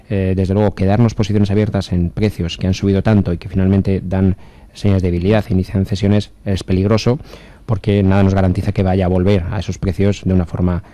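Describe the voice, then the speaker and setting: A man's voice: deep voice, warm tone, dry recording. A man working as a market analyst on a radio call-in show, explaining stock charts at length with frequent hesitations. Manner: measured technical explanation with many fillers.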